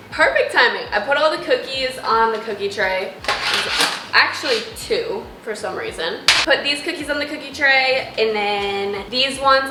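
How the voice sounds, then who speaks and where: A young woman talking casually in a vlog, giving informal girl-talk advice with lots of "like". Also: a little high. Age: young adult. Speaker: vlogger. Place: indoors at home, downstairs near a running oven. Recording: roomy echo, faint background noise.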